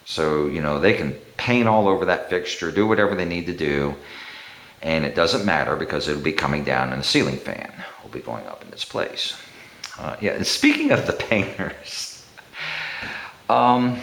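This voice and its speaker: Man, low-ish voice, lively pitch, rambling storyteller who chuckles often; echoey bare room. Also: normal speed, creaky. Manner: rambling, chuckling, animated when quoting. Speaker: homeowner documenting a room. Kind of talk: casual storytelling to camera.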